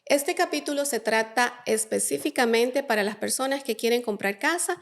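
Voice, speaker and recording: Chatty woman podcast host, higher voice. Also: normal speed, gravelly. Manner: friendly, chatty interviewer. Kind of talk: casual interview.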